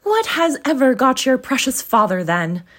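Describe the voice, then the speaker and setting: A woman voicing a warm, fussing Victorian mother who scolds and coddles her family. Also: high voice, sing-song, moderate pace, pitched above the performer's own voice, heavily acted. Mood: fretful.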